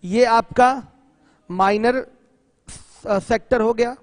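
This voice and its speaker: Guy teaching geometry online, high voice, keeps asking "got it?", dry close sound but a long hall tail. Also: steady tone, slow pace. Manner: asks students questions often and answers them himself; mixes English terms into the explanation. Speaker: math teacher.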